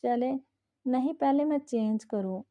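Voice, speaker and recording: A woman's voice: high voice, unhurried, highs cut off. A woman voicing a teasing, easily exasperated young husband.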